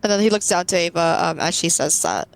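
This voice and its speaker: A woman's voice: fairly low pitch, animated, fast talker. A woman playing in a tabletop game, talking in a casual, upbeat way. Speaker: player. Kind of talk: tabletop role-play chat.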